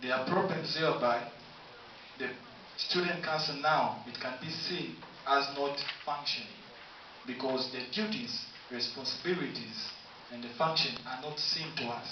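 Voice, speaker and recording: Tanzanian man giving a campaign speech, echoey. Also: mid-range voice. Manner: formal, listing points, slow halting delivery. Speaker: student council candidate. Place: university room. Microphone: camera from afar, no mic. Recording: distant echoey room, dull hissy sound.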